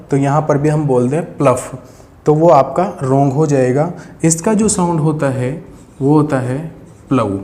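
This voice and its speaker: A man's voice: a little high, darkish tone. A man teaching English phonetics, patiently repeating key sounds and addressing viewers as friends. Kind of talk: explaining a lesson at a board.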